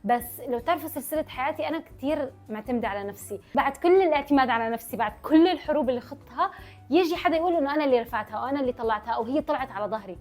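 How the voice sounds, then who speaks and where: A young adult woman vlogs for her followers, answering their questions in a Levantine Arabic accent as soft music plays in the background. She speaks very fast, her words slurring together, in a high-pitched voice with a slightly dark tone.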